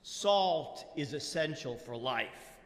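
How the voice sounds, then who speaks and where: A man's voice: a little high, animated, slow, a bit bright, pitched below the performer's own voice. A man voicing smug, skeptical Athenian wise men who test a rabbi, in a haughty, questioning manner. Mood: lecturing. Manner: haughty and testing. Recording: echoey hall.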